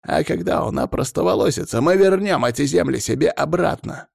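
A man voicing a furious, domineering old male clan head who yells and scolds down the phone. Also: mid-range voice, sing-song, moderate pace, vocal fry, dry recording, clean studio sound, voice pushed up, exaggerated voice. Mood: furious scolding.

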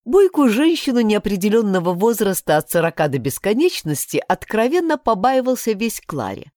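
A woman's voice: mid-range voice, a little mellow, no echo. Woman reading an audiobook, dry sound. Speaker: audiobook reader. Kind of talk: scripted audiobook narration.

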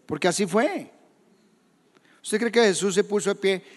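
A man preaching a sermon as pastor in a church, questioning the congregation and shouting quoted scripture. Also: sits high, normal speed, big-room sound. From Colombia. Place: church hall.

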